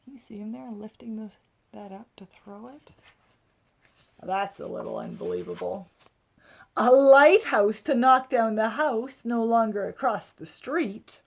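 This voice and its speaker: This woman's voice sits on the high side and has a creaky texture as she unhurriedly reads a picture book aloud to kids. She plays up the drama and tosses in chatty remarks to her audience.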